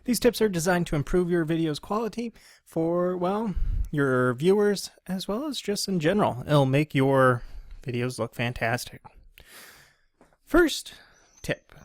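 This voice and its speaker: Man presenting slowly in a trained voice. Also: a little high, animated, no echo, clean studio sound. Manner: slow, deliberately enunciated presenting voice. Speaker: instructional video host. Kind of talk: scripted training tutorial.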